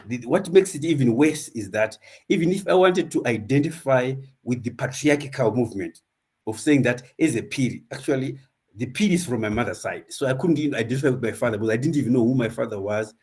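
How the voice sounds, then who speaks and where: A man from Zimbabwe, speaking at an academic symposium over a video call in a thoughtful, halting way as he searches for his words. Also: medium pitch, darkish tone, slightly rough. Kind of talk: reflective personal talk.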